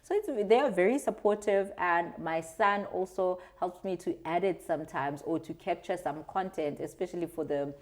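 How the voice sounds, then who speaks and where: Low-voiced South African woman, earnest and expressive. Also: normal speed, few pauses. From South Africa, Transkei. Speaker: interview guest, video creator. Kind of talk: conversational interview answers.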